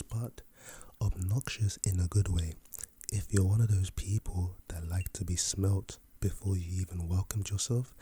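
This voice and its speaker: In a soft, breathy ASMR role-play, a man plays a laid-back, chatty fragrance salesman with unhurried, casual patter. His voice is low-pitched and heavily acted.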